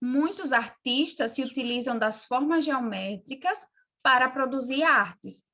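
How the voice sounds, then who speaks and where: A woman teacher from Brazil explaining geometry in a remote class, calm and checking in with her pupils. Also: high voice, unhurried.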